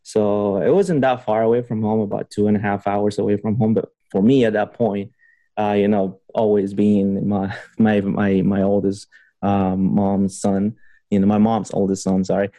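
A man's voice: on the low side, level tone, normal speed, warm tone, no room sound. A young man from Honduras being interviewed on a podcast, chatting casually with lots of fillers and restarts. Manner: rambling, many fillers and restarts, laughs often. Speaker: podcast guest, PhD student.

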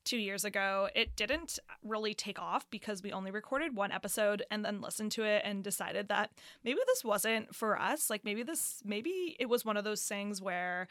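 A woman co-hosting a casual comedy podcast in a voice with vocal fry, joking dryly at her own expense and swearing freely. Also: medium pitch, normal speed, few pauses, a bit bright, no echo. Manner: self-deprecating, sweary, dry joking. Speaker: podcast co-host. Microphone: close podcast microphone on a stand.

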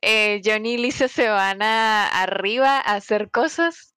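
A woman, co-hosting a podcast in relaxed, rambling movie chat. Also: mid-range voice, a little slow, clean tone, no room sound. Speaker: podcast co-host.

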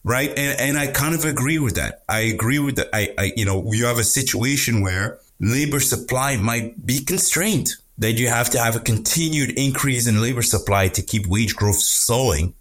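A man with a mid-pitched voice gives economic analysis as a podcast guest. He talks haltingly, doubling back on words and phrases, and presses his points with frequent tag questions. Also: lively intonation, fairly bright tone.

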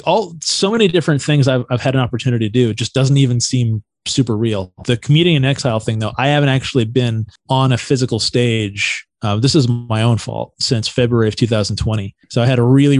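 A man, a stand-up comedian guest, telling anecdotes in a casual, slangy, animated way. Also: mid-range voice, no echo. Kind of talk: casual storytelling.

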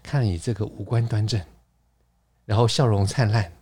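A man's voice: on the low side, steady tone, moderate pace, mellow, slightly rough. A man hosting a casual podcast, playful and chatty, explaining words at length with frequent laughs. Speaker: podcast host. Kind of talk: casual chat.

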